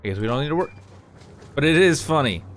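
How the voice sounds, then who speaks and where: A man's voice: a little high, expressive, fast talker, slight background noise. A man casually commenting while playing a video game, chatty and amused. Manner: chatty, amused, reacts aloud. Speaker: gaming let's-play host.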